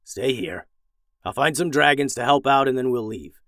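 A man voicing a stern, gruff old male gray dragon who gives curt commands. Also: medium pitch, animated, normal speed, fairly bright tone, dry recording, clean studio sound. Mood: serious.

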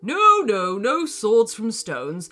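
A woman's voice: fairly high pitch, huge pitch swings, slow pace, bright, forceful tone, soft background music, full character voice. A woman voicing a proud old male wizard trapped inside a racing car, with a grand, kindly storybook delivery. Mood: warm, grand.

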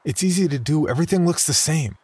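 A man's voice: fairly high pitch, fast, a little mellow, breathy edge, no echo. A man voicing Jamie, a cautious twelve-year-old small-town boy, in a horror story, speaking in a reluctant, matter-of-fact way. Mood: wary.

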